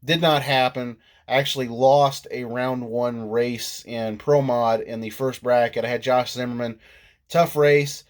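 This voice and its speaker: Male vlogger with a head cold, nasal tone, mid-pitched, chatty and self-deprecating, casual recap. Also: fairly even intonation, unhurried. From Illinois. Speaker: RC monster truck vlogger. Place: indoors at home.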